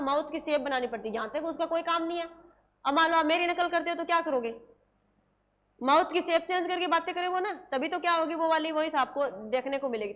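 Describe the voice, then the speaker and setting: Woman teacher, high voice, repetitive question-and-answer drilling, slow dictation; slightly dull recording. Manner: slows right down to dictate English terms word by word. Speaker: nursing exam coaching teacher. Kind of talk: classroom lecture, dictating notes.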